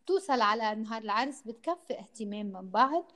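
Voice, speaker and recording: A woman's voice: a little high, expressive, fast talker, a bit bright. A woman with a Lebanese accent explaining as a psychotherapist guest in an interview.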